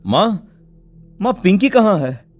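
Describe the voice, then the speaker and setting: High-pitched male village father, acted by a man, anxious and plaintive, children's story with music underneath. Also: big pitch swings, takes it slowly, heavily acted. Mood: alarmed. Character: worried village father searching for his lost daughter.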